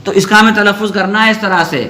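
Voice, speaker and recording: A man's voice: sits high, fairly even intonation, bright, forceful tone, a little hiss or hum. A man teaching Quran reading. He asks his class questions, answers them himself, and draws out the letter sounds in a sung way.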